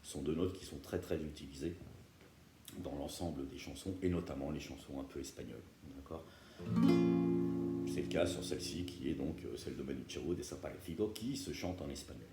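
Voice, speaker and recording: A man's voice: very deep voice, a little fast. A man teaching beginners guitar step by step, patient and often checking that viewers follow. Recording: roomy room with loud guitar playing.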